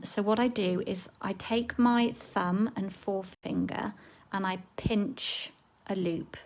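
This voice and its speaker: Casting: chatty woman, slight throat frog, relaxed live craft demo host. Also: mid-range voice, low-quality recording. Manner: chatty, relaxed, talks while working. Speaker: papercraft demonstrator.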